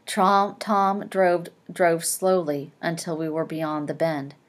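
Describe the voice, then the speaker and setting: A woman's voice: deep voice, little pitch movement, slow. Woman reading a novel aloud with chatty asides. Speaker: reader explaining a novel.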